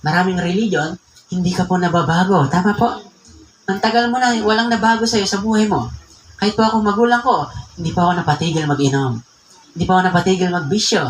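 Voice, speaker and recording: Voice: medium pitch, a little hiss or hum. Emphatic preacher in an echoey church. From Philippines. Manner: emphatic, slows down to read scripture verses aloud. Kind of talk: sermon.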